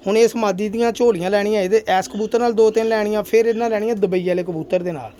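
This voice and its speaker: A pigeon keeper who hosts his own channel gives a chatty tour of his loft, showing off his birds and blessing them often as pigeons coo behind him. His high voice is warm and steady and moves at a quick pace, with slight background noise.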